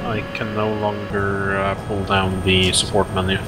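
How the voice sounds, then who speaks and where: A man talking in a halting, matter-of-fact way over crackly military radio while playing a tank simulation. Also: low-pitched, completely flat delivery, over loud music. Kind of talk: casual military game radio chat. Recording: crackly radio, loud vehicle-like hum.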